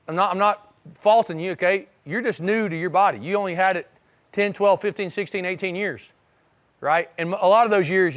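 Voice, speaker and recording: A man with a high voice speaks as a wrestling coach to young athletes. His talk is casual and motivational. He keeps checking in with his listeners as he goes. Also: a bit bright. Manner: conversational, checks in with listeners often.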